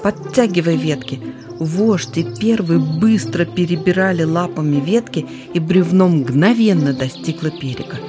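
A storyteller reading a children's animal tale aloud, lively and shifting voices for characters. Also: medium pitch, normal speed, hardly any pauses, music in the background. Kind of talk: storybook narration.

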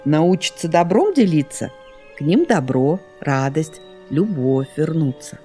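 A woman voicing a wise, unflappable owl in a storybook, speaking calmly and slowly. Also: deep voice, faint music behind. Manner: calm, measured, slow.

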